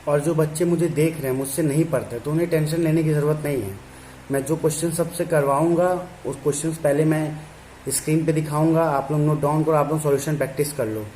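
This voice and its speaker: Guy teacher, kinda high voice, casual chatty lesson talk, teases his students a bit. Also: fairly even intonation, quick pace, warm tone, a little hiss or hum, poor audio. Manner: chatty, teasing, scolds students fondly. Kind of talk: online class talk.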